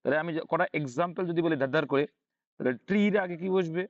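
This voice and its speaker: A man's voice: on the high side, fast talker, dry recording, muffled recording. A man with a Bangladeshi Bengali accent teaching English grammar, often asking a question and answering it himself and repeating key points. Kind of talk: online English grammar lesson.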